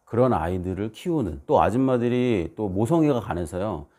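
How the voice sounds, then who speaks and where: A man preaching a sermon as a missionary, telling stories and acting out the voices and shouts in them. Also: fairly low pitch, lively intonation, normal speed. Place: church.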